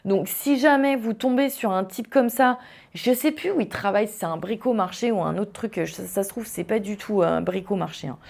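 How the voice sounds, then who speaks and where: A young woman from western France hosting a podcast, telling a personal story in a casual, animated way, with lots of fillers and restarts. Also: mid-range voice, a little fast, creaky. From Vendée, France. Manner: animated, tumbling speech with frequent fillers and restarts. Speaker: podcast host.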